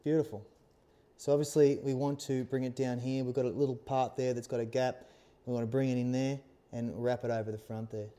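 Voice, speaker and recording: Seated at the workbench of his small indoor workshop studio, an Australian helmet accessory maker gives a casual hands-on tutorial. His medium-pitched voice is warm, a little fast, and flat in delivery, and he reassures listeners informally, often asking "okay?" and "all right?" There's slight background noise.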